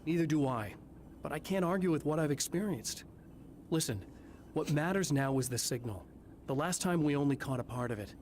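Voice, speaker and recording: An actor playing an earnest, determined investigator in scripted video game dialogue. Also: male voice, a little high, lively intonation, brisk, a little mellow, slight background noise, natural voice. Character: earnest, determined male investigator caught in a time loop.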